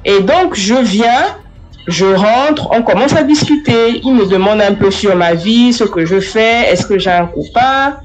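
A young woman giving a first-person spoken testimony, telling her story in a lively way and speaking straight to the listener. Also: medium pitch, a little slow, soft background music, low-quality recording.

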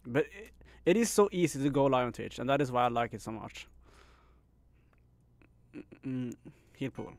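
A man's voice: mid-range voice, animated, moderate pace, pauses often, no room sound. A young man live-streaming a game, chatting casually with viewers, laughing often and calling people bro and man. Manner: laid-back, laughs often, says "bro" and "man" a lot.

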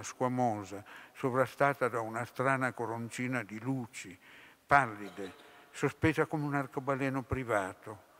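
Male lecturer reading fiction aloud, very slow and measured, middle pitch, echoing hall. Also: a bit bright. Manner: measured, deliberate phrasing. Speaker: literature lecturer. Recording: long hall reverb.

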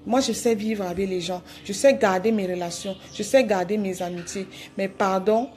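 A livestreamer begs her followers for forgiveness in a live phone video, her medium-pitched voice a little mellow and her pace moderate. Her words come out repetitive, with hesitant restarts.

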